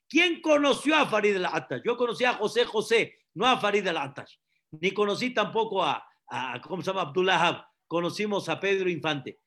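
A rabbi preaching a sermon, repeating phrases and asking the listeners questions. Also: male voice, sits high, fairly bright tone. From Mexico. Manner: preaching with repetitions and rhetorical questions.

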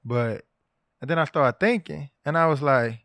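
Rambling podcast host with a dry close sound. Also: male voice, a little high, normal speed, a bit bright, no room sound. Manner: loose, rambling, repeats words. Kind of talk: casual podcast chat.

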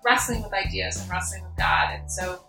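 A woman's voice: fairly even intonation, moderate pace, creaky, over music. A woman pastor co-hosting a podcast in friendly, chatty conversation, recorded through a poor, tinny microphone. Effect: low-quality recording through the wrong mic, echoey and tinny. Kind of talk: casual conversational sermon chat. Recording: echoey room with tinny, poor mic.

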